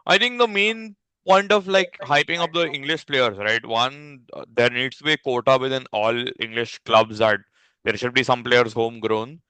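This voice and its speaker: A man's voice: mid-range voice, moderate pace, clean tone, dry recording, rough recording. A man co-hosting a casual football chat, often agreeing with short replies. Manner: brief agreeing replies, relaxed. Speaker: podcast co-host.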